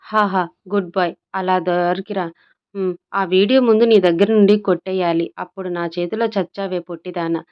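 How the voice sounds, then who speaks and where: Woman doing a young man, playful, mock-stern, smooth low voice, lo-fi recording. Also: fairly even intonation, a little fast, natural voice.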